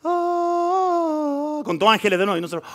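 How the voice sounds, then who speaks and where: A man with a Chilean accent preaching a live sermon in church, swinging between quiet asides and loud, emphatic stretches. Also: fairly high pitch, fairly quick. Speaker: pastor. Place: church hall.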